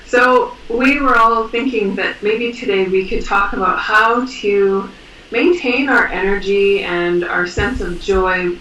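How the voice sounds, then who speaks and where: A woman from Canada with a bright, forceful voice speaks hesitantly with lots of fillers. She sits far from the mic in an echoey room, with faint noise around her. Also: mid-range voice. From British Columbia, Canada. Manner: hesitant, with fillers and soft laughs. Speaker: roundtable guest. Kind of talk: casual conversation.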